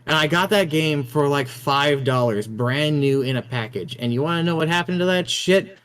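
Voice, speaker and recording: A man's voice: on the high side, moderate pace, fairly bright tone, clear, resonant tone. A man streaming and chatting casually about games, a few drinks in and slurring a little, swearing freely. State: tipsy, slightly slurring. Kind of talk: casual gaming chat.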